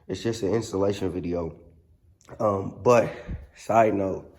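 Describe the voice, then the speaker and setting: A man hosting a casual car repair vlog in a workshop, talking in a laid-back, slangy way with a hoarse, under-the-weather voice. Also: sits low, a little slow, a little mellow.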